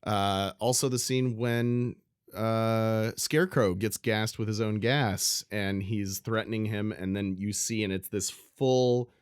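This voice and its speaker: A man's voice: on the low side, slow, clean tone, no echo, clean studio sound. A man co-hosting a podcast, chatting casually about a film in a rambling way, full of "you know" and restarts. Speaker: podcast co-host. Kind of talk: casual movie chat.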